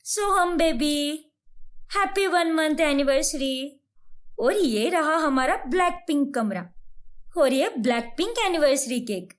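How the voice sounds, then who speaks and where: A woman's voice: high voice, expressive, slow pace. A woman voicing a bubbly, childish young bride in a cartoon story. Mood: sweet. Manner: pleading, sweet. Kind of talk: cartoon voice acting.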